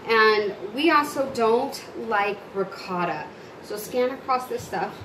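A woman's voice: on the high side, expressive, slow. A woman casually showing how to make a meal in her home kitchen, talking viewers through each step. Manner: chatty, instructive, talks to viewers. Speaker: mom cooking on camera. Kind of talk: casual cooking demonstration. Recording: echoey kitchen with loud background noise. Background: child crying, household noise.

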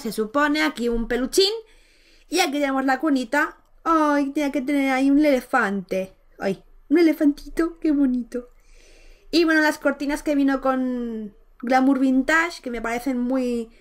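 A woman from giving chatty, affectionate gameplay commentary as a Let's Play host, cooing over a baby character with many exclamations. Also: high voice.

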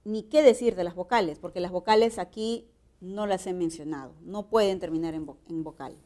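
A woman with a Peruvian Spanish accent gives a slow, explanatory grammar lesson, checking in with rhetorical questions along the way. Her voice is mellow and fairly low in pitch.

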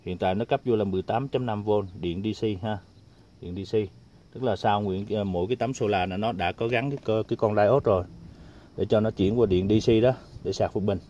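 Low-voiced man tinkering with a solar panel. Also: a little fast, warm tone, muffled recording. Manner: chatty, many filler sounds and restarts. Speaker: DIY tinkering vlogger. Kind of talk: casual hands-on demonstration.

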